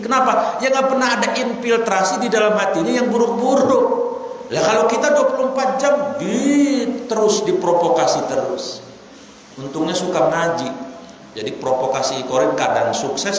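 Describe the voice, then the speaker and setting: A man preaching to a women's study group, telling stories in a lively, joking way with a lilt. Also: high-pitched, moderate pace, slight background noise. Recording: echoey hall with long reverb.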